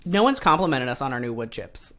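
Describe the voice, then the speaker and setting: A man's voice: mid-range voice, very animated, a little fast, over a noisy crowd. A man hosting a podcast, chatting casually in a rambling, meandering way. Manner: rambling, hesitant, lots of ums and likes. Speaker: podcast host. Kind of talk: casual chat.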